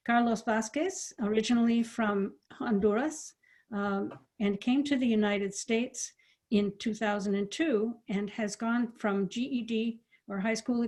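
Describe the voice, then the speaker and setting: A woman moderating an online briefing, speaking in a warm, encouraging way as she introduces speakers. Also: mid-range voice. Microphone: video call.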